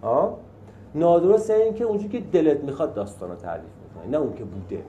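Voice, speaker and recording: A man's voice: fairly high pitch, wildly swooping pitch, mellow, echoey room, muffled recording, slight background noise. A man leading a support group, teaching emphatically, asking rhetorical questions and acting out everyday examples. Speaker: group session leader.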